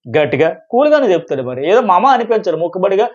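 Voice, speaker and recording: A man giving fast live commentary on a reality show, emphatic and excitable. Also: high voice, slightly rough, lo-fi sound. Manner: excited, emphatic, quotes contestants in quick bursts.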